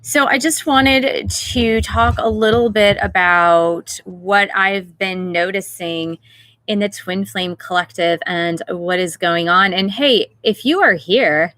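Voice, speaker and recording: A woman hosting a livestream, talking gently and unhurriedly before leading a guided meditation and greeting viewers in the chat. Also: medium pitch, slow, no echo. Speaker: meditation teacher and channel host.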